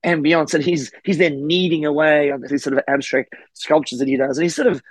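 A middle-aged Australian man, a guest historian and author, telling a casual story with lively acted-out quotes. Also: a little high, a little fast, breathy edge, no room sound. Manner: animated, acts out quoted voices.

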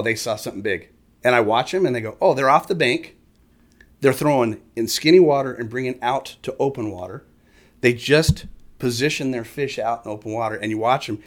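Animated man explaining fishing tactics. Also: mid-range voice. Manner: animated storyteller, acts out other anglers in voices. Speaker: fishing guest expert. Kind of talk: casual chat.

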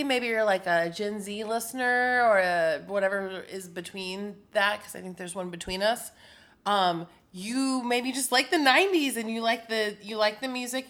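A woman in her thirties co-hosting a podcast in casual chat, excitable and playful, swearing freely. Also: mid-range voice, moderate pace. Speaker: podcast co-host.

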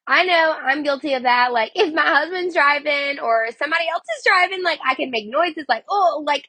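Sniffly from a cold, a woman hosts a casual devotional podcast, chatting away and saying "like" a lot. Her voice is high-pitched, pushed and bright. There's no room sound.

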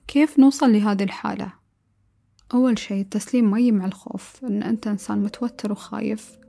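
A woman giving a calm, earnest motivational talk, now and then mixing in English words. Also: medium pitch, creaky. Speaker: motivational speaker.

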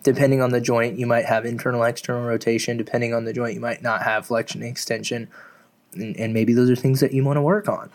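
A man's voice: medium pitch, flat delivery, quick pace. A man, a fitness coach, giving casual advice in a chatty way, full of fillers and casual swearing. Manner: chatty, lots of "like" and "you know", swears casually.

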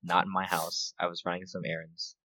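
A man's voice: sits low, completely flat delivery, brisk, bright, forceful tone, no room sound. A man co-hosting a podcast, telling a story in a laid-back way and laughing often. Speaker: podcast co-host. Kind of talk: casual chat.

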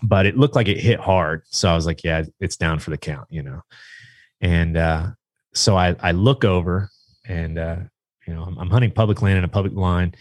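A man with a very low voice tells a story in relaxed conversation. His telling rambles and picks up energy as he acts out what was said. The sound is dry and close, with no room around it. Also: normal speed, no room sound. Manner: rambling, animated retelling with acted-out quotes. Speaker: guest, duck hunter and dog trainer. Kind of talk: casual storytelling in a podcast chat.

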